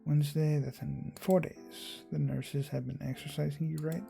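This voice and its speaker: A man's voice: on the high side, little pitch movement, normal speed, creaky, dark tone, soft background music. A man voicing a self-important male doctor who talks in a curt, lecturing way. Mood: brisk.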